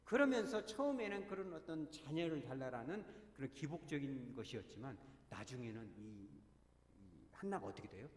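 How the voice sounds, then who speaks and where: A man's voice: mid-range voice, sing-song, moderate pace. A man, a pastor, preaching a sermon to his congregation, often asking them questions and acting out the voices of people in the story. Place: church sanctuary. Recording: echoey church hall.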